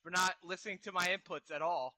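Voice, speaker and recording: A young man in casual banter while playing a video game with a friend, excitable, laughing often and swearing freely. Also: high voice, fast talker, a loud crowd. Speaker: co-op gaming partner.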